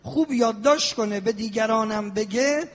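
A man preaching a sermon as a cleric, animated, with drawn-out invocations and sing-song passages. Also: high-pitched. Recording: long hall reverb.

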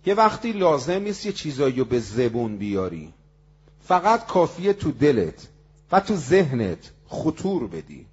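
A male preacher tells a moral tale in an emotional, swinging sermon style. His husky voice swoops widely up and down. The recording sounds dull and lo-fi. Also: medium pitch, big pitch swings. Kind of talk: sermon storytelling.

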